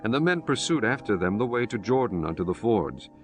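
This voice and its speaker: A man's voice: lowish voice, big pitch swings, fairly quick, faint music behind. A man giving solemn, formal scripted narration of scripture as the narrator.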